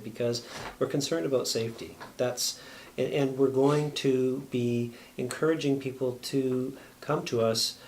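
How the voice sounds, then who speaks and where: A man's voice: medium pitch, a little mellow, a little hiss or hum. A man explaining a bylaw at a council meeting, talking in a rambling, earnest way with folksy sayings.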